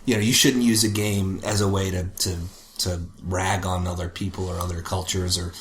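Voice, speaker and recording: Low-voiced man musing on a podcast. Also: little pitch movement, normal speed. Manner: thoughtful, rambling and self-correcting. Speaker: podcast co-host. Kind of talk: casual chat. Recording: roomy with faint background noise.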